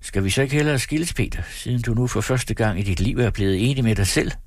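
A man's voice: mid-range voice, lively intonation, dry recording, clean studio sound, voice pushed up, close to an everyday voice. A man voicing a defiant, ironic wife who answers her husband coolly and mockingly.

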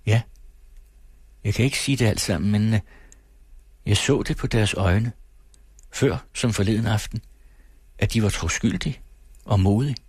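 A man's voice: fairly low pitch, long pauses, darkish tone, slightly rough, no room sound. A man reading aloud, voicing a brooding young man who speaks earnestly and hesitantly.

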